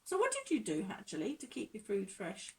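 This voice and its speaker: A woman's voice: mid-range voice, wildly swooping pitch, a little fast, a little mellow. A woman conducting a casual, chatty interview, feeling her way through questions and rephrasing as she goes.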